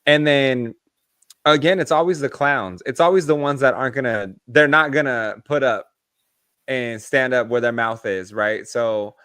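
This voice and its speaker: A man co-hosting a podcast, telling animated stories in casual chat and swearing freely. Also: mid-range voice, moderate pace, clear, resonant tone, dry recording. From United States. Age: adult, past his early twenties. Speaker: podcast co-host.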